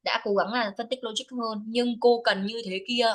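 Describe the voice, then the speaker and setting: A woman corrects a student firmly during one-to-one speaking test feedback on a video call, alternating between Vietnamese and English. She speaks at normal speed in a steady, somewhat high voice, captured on a low-quality recording.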